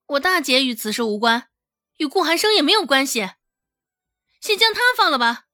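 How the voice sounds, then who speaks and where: A woman voicing a calm, clever young village girl who reasons with her attackers. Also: sits high, normal speed, dry recording, clean studio sound, pitched above the performer's own voice, full character voice. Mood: reasoning. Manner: composed, reasoning, pleading.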